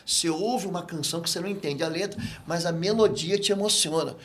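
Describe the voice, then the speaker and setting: A Brazilian man speaking as a guest pastor in an interview, with a voice pitched a little high for a man. He explains and teaches in an animated, storytelling way, slipping into other voices for dialogue. A faint hiss sits under the recording. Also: fast talker. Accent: Brazilian Portuguese. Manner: animated storyteller who acts out quoted dialogue. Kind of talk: interview, teaching on spiritual matters.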